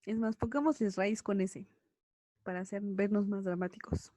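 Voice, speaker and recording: A woman's voice: mid-range voice, steady tone, moderate pace, dark tone, dry recording. Female Mexican teacher, conversational lecture, dry sound. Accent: Mexican Spanish. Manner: conversational, frequent tag questions. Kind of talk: online class lecture.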